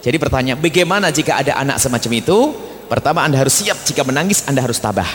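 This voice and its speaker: A man preaching a religious study sermon, emphatic and blunt, sometimes scolding and sometimes gentle. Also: mid-range voice, lively intonation, rapid-fire, big-room sound, a little hiss or hum. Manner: emphatic, blunt scolding mixed with tender asides.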